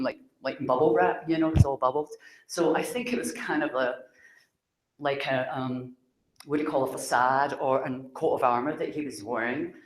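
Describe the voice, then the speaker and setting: Scottish woman, Glasgow accent, loud chatty public speaker, roomy hall sound. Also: low voice. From Scotland. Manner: loud, chatty, laughs often. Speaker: psychic speaker. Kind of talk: public talk to an audience.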